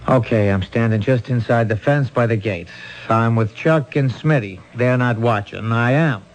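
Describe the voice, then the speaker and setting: A man's voice: medium pitch, normal speed, close to an everyday voice, poor audio. An actor playing a flustered, earnest policeman in an old-time radio mystery, stammering and hesitating as he thinks aloud. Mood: earnest, defensive. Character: flustered, earnest, unsure policeman reporting to his boss.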